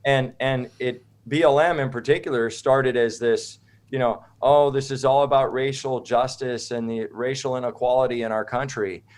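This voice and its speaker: An American man speaks as an interview guest at a moderate pace, his medium-pitched voice holding a steady tone. He's informal and opinionated, rambling along and checking in with "right?"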